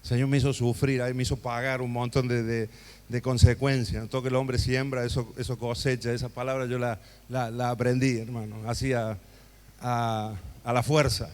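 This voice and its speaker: A man's voice: mid-range voice, flat delivery, normal speed, darkish tone. A man in his forties, an Argentine pastor, preaching a sermon as a personal story with frequent asides to the congregation. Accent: Argentine Spanish. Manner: conversational, tells a story with many asides to the congregation. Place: church hall.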